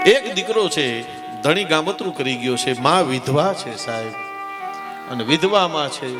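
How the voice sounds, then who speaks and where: Fairly high-pitched and animated at a normal speed, a man with a Kathiawadi Gujarati accent entertains a temple audience with humorous dayro storytelling, calling them "saheb" and stressing his words. He recites rhyming lists in a steady rhythm, as a folk stage humorist would. Music plays faintly under live PA sound with long reverb from the hall.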